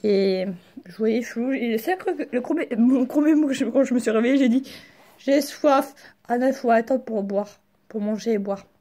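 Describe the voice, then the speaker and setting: A young woman chats casually in a vlog, halting and slangy, speaking carefully with a sore mouth after wisdom teeth removal. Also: fairly high pitch, dark tone. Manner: halting, slangy, searching for words. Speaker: vlogger. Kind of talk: casual personal storytelling to camera.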